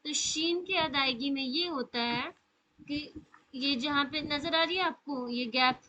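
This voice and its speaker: A woman teaches recitation in a live online class, with a high, bright voice. She explains patiently and stretches out individual letter sounds to demonstrate them. Her delivery stays clear and instructive throughout. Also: rough recording. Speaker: tajweed teacher.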